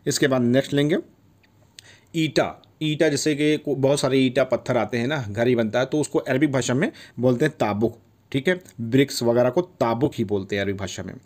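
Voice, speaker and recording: A man's voice: mid-range voice, brisk, a little mellow. Man teaching words, repeating each one. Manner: repeats each word, checks in with "theek hai". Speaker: language teacher. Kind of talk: casual video lesson.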